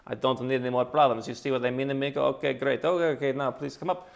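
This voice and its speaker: A man's voice: medium pitch, fairly even intonation, fast, gravelly, lightly acted. Man putting on a fussy Latin embassy clerk. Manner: pedantic, bureaucratic, mock-polite.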